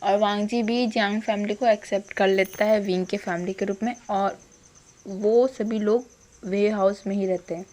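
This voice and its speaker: A woman's voice: mid-range voice, steady tone, moderate pace, a little mellow. A woman casually retelling a story in a chatty way, often addressing her listeners directly.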